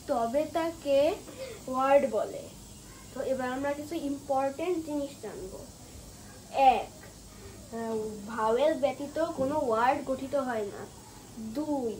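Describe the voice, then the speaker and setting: Slow, high-voiced Bangladeshi woman teaching. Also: a little mellow, a little hiss or hum, low-quality recording. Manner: slow, careful, drawing out example words syllable by syllable. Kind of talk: classroom lesson explanation.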